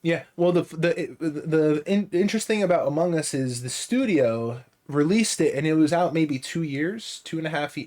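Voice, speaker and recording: Man, casual podcast chat, rambling, fairly high voice. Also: darkish tone. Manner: rambling, many restarts. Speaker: podcast co-host.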